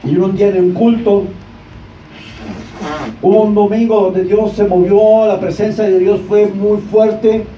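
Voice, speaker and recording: A male pastor preaching a sermon in a church, asking the congregation questions and rising to shouts. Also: high-pitched, flat delivery, unhurried, long pauses. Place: church sanctuary. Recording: echoey church room, distant mic, dull sound.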